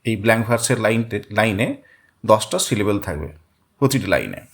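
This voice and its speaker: A man's voice: fairly low pitch, animated, vocal fry. A man teaching a literature lesson, explaining step by step and repeating words to show where the stress falls. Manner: reads English quotations very slowly. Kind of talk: Bengali-language literature lesson.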